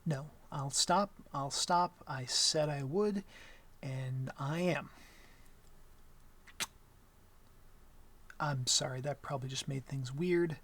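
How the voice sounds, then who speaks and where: In this intimate ASMR roleplay, a man voices a bashful, smitten young vampire who talks gently and haltingly, stumbling over words and apologizing. His voice is mid-range and his pace measured. The mood is flustered and apologetic.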